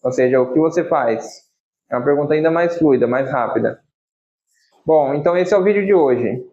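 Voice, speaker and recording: A man with a Brazilian accent teaching an English lesson, slowly repeating example phrases for practice. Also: a little high, warm tone. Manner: slow, drawn-out model phrases repeated for practice. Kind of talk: language lesson. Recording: roomy, slightly dull recording.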